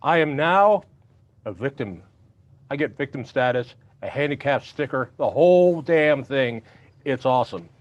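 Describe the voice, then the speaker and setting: A man hosts a show in a casual, joking style. His words slur as though part of his mouth is numb. The pitch is average for a man, and the sound is dry and somewhat dull. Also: moderate pace, no room sound. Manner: slurred speech, as with a half-numb mouth. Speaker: host, institute president. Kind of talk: casual humorous show introduction. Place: online video call show.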